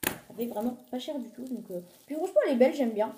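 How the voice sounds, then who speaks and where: A woman's voice: fairly high pitch, expressive, quick pace, dark tone, roomy sound. A woman chatting casually through a shopping haul video filmed on a phone at home, with many fillers as she lists prices. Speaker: vlogger showing a shopping haul.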